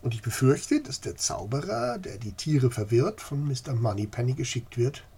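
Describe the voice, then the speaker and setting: A man's voice: mid-range voice, lively intonation, normal speed, dark tone, breathy edge. A man voicing a hesitant, formal male park manager who explains things at length. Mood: earnest. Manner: hedging, long-winded and formal.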